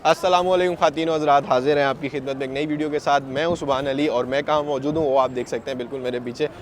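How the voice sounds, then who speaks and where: A man with a higher-pitched, fairly even voice speaks very fast as he films his own travel vlog, sore throat and all. Walking outdoors and into a large, busy mosque extension, he shows viewers around and calls them brother. It is a noisy outdoor phone recording.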